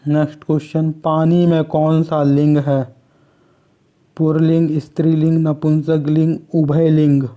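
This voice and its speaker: A man from Uttarakhand reading Hindi exam quiz questions and their answers in a slow, measured way, like reading off a list. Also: a little high, flat delivery, dark tone. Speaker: exam prep teacher.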